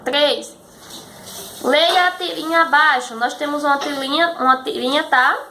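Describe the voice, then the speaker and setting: A woman teacher explaining a lesson patiently and slowly, often checking that her students follow. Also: sits high, pushed and bright. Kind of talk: recorded school lesson. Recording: echoey room with faint background noise.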